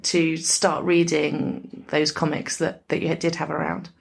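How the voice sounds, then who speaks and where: A woman's voice: sits low, level tone, a little slow, vocal fry. A woman hosting a podcast interview, enthusiastic and upbeat as she introduces and questions her guest. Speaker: podcast host.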